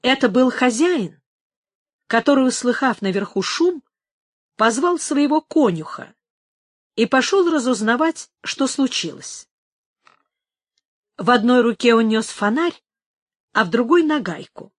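Slow measured woman narrator. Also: a little high, expressive, no echo, studio quality. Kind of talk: scripted narration.

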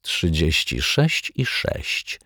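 Brief: man voicing a steady kindly detective in a children's story, low husky voice, matter-of-fact. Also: unhurried, no room sound, clean studio sound, full character voice. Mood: amused. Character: calm, firm male children's detective. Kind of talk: audiobook character voice.

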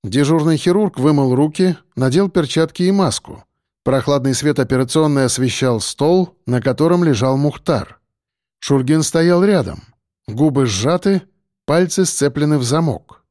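A man narrating a story in a steady, measured audiobook manner. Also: a little high, dry recording, clean studio sound.

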